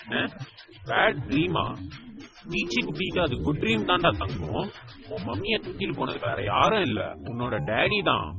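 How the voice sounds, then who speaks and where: A doting young uncle with a gravelly voice. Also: male voice, medium pitch, very animated, a little fast, a loud crowd. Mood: coaxing. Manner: coaxing, playful baby talk with the child. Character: affectionate young man, doting uncle to a small niece. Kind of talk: audiobook drama acting.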